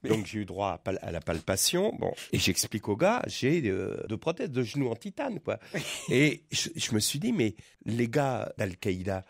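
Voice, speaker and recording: A man's voice: lowish voice, very animated, moderate pace, gravelly, dry recording, studio quality. A man on a radio panel telling a funny personal story in casual banter.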